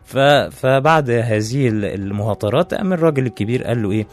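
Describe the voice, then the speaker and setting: A man's voice: mid-range voice, expressive, fast talker, darkish tone, faint music behind. A man with an Egyptian accent telling a story in a chatty, casual way, with restarts and asides to the listener. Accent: Egyptian Arabic.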